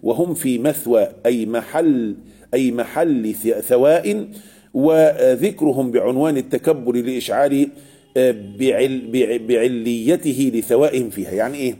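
A man's voice: medium pitch, moderate pace, warm tone. A man with an Egyptian Arabic accent teaching a lesson on Quranic verses, often asking the class a question and answering it himself. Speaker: religious teacher.

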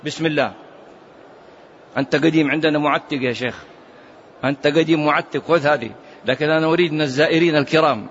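High-pitched guy teaching a religious class, quizzing students, slightly muffled recording with faint hiss. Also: fast talker, pauses often. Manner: animated, quizzes students, mocking asides. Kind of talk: classroom lesson.

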